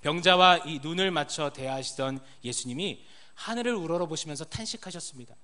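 A man in his thirties, a pastor preaching a sermon as a story, his voice falling low and quiet at the ends of sentences. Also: animated, fairly quick.

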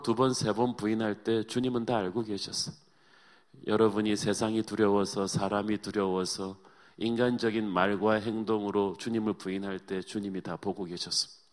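Low-voiced male pastor preaching. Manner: dramatic storytelling, swinging between hushed and emphatic. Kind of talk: sermon.

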